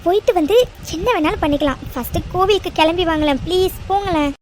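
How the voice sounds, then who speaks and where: A shy young wife gently pleads with her husband in a coy tone, as a woman voices her. Her voice is very high over a faint background hiss. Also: fast talker.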